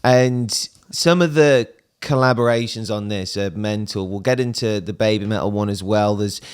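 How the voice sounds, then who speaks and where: A man co-hosting a music reaction video, chatting casually, slangy and quick to laugh. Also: fairly low pitch, clear, resonant tone. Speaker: music reaction channel co-host.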